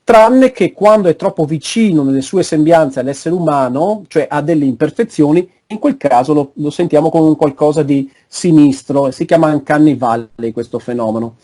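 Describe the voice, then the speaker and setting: A man giving an online academic lecture over a video call, pausing often to search for words. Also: a little high, dark tone. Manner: halting, frequent searching for words.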